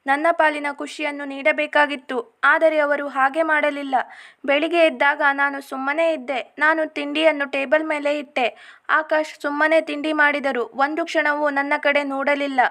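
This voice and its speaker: Woman reading a first-person story out loud, steady and even, pretty high voice that stays flat. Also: normal speed. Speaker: story narrator.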